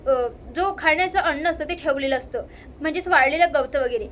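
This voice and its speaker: A woman's voice: extremely high pitch, a little hiss or hum. A woman with a Marathi accent casually recapping a TV serial episode, leaning on the same filler phrases. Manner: repeats filler phrases like "now here". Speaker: narrator retelling a TV serial episode. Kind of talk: casual spoken story recap.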